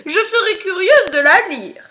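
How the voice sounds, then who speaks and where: A woman's voice: fairly high pitch, huge pitch swings, drawn-out words, creaky, a bit bright, heavily acted, low-quality recording. A woman voicing a fussy, squeamish and curious female giraffe in a storybook, drawing out her disgusted exclamations.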